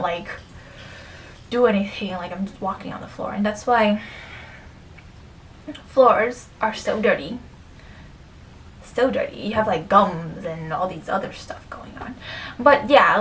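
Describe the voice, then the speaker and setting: A woman's voice: mid-range voice, recorded from a distance, a little hiss or hum, rough recording. A young woman talking casually to camera about her pet peeves, full of fillers, sometimes dropping to a near whisper. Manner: chatty, many fillers, drops to near whisper. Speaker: vlogger.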